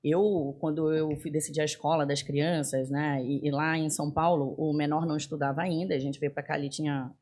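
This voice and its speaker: A woman in her forties from northern Brazil, a guest in a casual interview, talking in an animated way with frequent fillers and restarts. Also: low-pitched, fairly quick, few pauses. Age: 40s. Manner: animated, laughs often, many fillers and restarts. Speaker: podcast guest.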